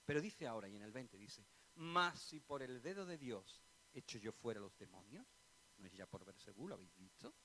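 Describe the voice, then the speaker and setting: A man with an Andalusian Spanish accent, a pastor preaching a sermon in church, swinging between loud bursts and quiet asides and asking the congregation direct questions. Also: fairly low pitch, lively intonation, normal speed, a little hiss or hum, low-quality recording. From Spain.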